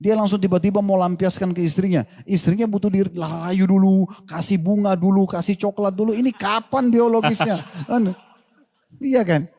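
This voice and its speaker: A man giving a lively religious lecture to an audience, asking rhetorical questions and joking. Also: high-pitched, normal speed, few pauses. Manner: animated, rhetorical questions, jokes and laughs with the crowd. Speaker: Islamic preacher. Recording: long hall reverb.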